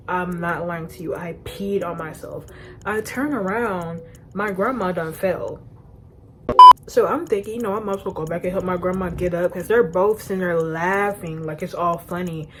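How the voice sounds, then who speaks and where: A young woman vlogger telling an animated storytime to her phone camera, often laughing at herself. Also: fairly low pitch, slight background noise. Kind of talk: storytime vlog.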